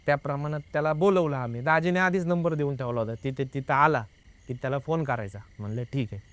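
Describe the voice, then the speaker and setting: A young man sits as a guest and recounts something that happened to him, in a loose, chatty way. He keeps slipping into the voices of the people involved, tagging line after line with "I said". His voice sits at an ordinary pitch for a man. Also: fast. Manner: lively, re-enacts dialogue with many "I said" tags. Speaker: guest telling a personal ghost experience. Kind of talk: casual spoken storytelling.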